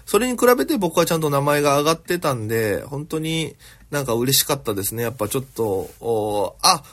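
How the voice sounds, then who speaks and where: Man, comedy podcast host, solo home recording, husky and quick, lively pitch, loose rambling delivery. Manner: rambling with many fillers. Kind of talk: solo storytelling chat.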